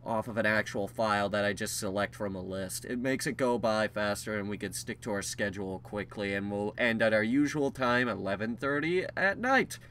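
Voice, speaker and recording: A man's voice: on the low side, moderate pace, few pauses, fairly bright tone, slight background noise. A young man hosting a casual vlog update, rambling with frequent ums and restarts, candid and self-deprecating. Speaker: channel host giving a news update.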